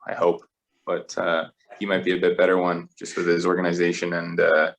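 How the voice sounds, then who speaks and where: A young man in his twenties with a deep, low voice talks as an interview guest. He is relaxed and rambling, full of fillers and restarts as he thinks aloud. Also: a little fast, gravelly. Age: 20s. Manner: easygoing, rambling with frequent fillers. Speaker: rugby player guest. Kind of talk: casual interview chat.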